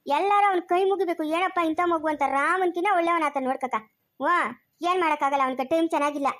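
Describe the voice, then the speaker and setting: This actress voices a sharp-tongued, fiercely protective old village grandmother from a comic family skit, ever ready to argue. Her accent is rural Chikkaballapur Kannada, her voice very high and fast with fairly even intonation, and though her manner is quarrelsome, scolding and fast-talking, her mood here is coaxing.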